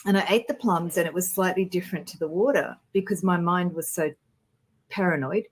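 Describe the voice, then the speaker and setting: A woman's voice: lowish voice, fairly quick, breathy edge. A woman guest on a spiritual livestream, talking earnestly and telling stories with animation. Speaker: guest intuitive. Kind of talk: casual spiritual chat.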